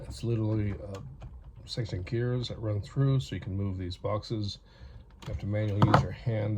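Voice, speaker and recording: A man's voice: fairly low pitch, noisy background. A man from North America giving a rambling, chatty hands-on toy review with self-aware asides.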